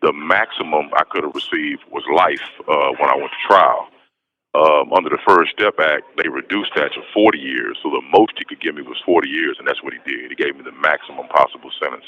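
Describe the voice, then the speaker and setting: Calling in from prison, this west Texas man speaks as an interview guest in a bass voice that's pushed and bright, moving fairly quickly. He gives a casual personal account, and the phone line is muffled and noisy.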